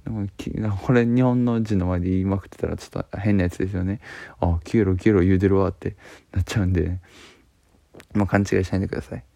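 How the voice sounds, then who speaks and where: Man, Kansai accent, casual vlog talk, dark mellow tone, dry sound. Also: low-pitched, fairly even intonation, fast, gravelly, dry recording. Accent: Kansai Japanese. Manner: chatty, joking, many fillers. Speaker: video creator. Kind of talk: casual talking-to-camera vlog.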